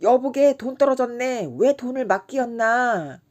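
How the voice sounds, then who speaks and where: A woman's voice: fairly high pitch, animated, measured pace, a little mellow, pitched above the performer's own voice. A woman voicing a wary, scolding middle-aged male drinking companion in an audiobook. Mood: skeptical. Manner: scolding, skeptical.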